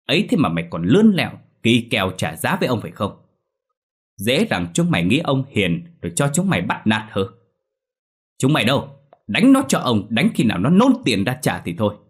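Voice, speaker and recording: A man voicing a cruel, bullying old landlord who shouts orders at his servants, in a storybook reading. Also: medium pitch, wildly swooping pitch, brisk, husky, voice pushed up. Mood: furious. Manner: shouting, domineering.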